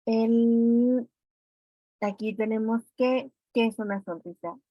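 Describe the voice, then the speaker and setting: A woman's voice: on the high side, fairly even intonation, takes it slowly, no echo. Woman, Mexican Spanish accent, teacher, exam review, questions to students, dry dull recording. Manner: explains step by step, asks students questions.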